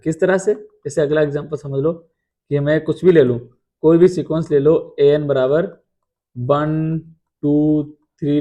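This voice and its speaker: A man's voice: on the high side, mellow. A man teaching math in an explanatory lecture, asking rhetorical questions and answering them himself.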